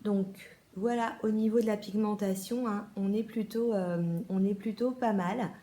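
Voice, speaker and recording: A woman's voice: mid-range voice, fairly even intonation, a little slow, mellow. Chatty French woman in an echoey room. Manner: chatty, many fillers and restarts. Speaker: beauty vlogger. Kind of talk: casual haul video.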